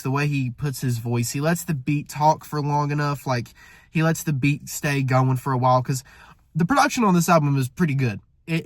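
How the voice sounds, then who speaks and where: A man's voice: mid-range voice, dry recording, studio quality. A man with a congested, stuffy voice giving a casual spoken album review, rambling and often correcting himself mid-sentence. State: congested, nasal from a coming cold. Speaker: music reviewer.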